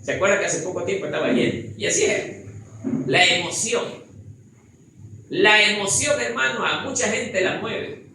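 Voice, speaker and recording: A man's voice: high voice, moderate pace, pauses often. A man preaching as pastor to his congregation, asking rhetorical questions and calling them brother. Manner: bursts into loud acted cries. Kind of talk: sermon. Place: church hall with congregation. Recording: very echoey church hall, faint ambient noise.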